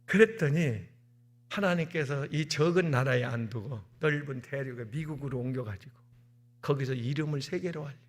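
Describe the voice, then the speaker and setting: A man, the senior pastor, preaching an animated sermon in a church, repeating key words and acting out stories. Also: mid-range voice, normal speed. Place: church sanctuary.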